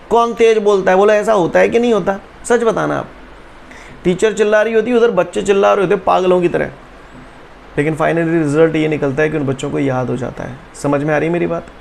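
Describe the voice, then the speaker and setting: A physics teacher lecturing online has a high, gravelly, somewhat dark-toned voice. He playfully teases and coaxes students, keeps repeating questions to check they understand, and leads rote chanting. Faint hiss sits beneath the audio.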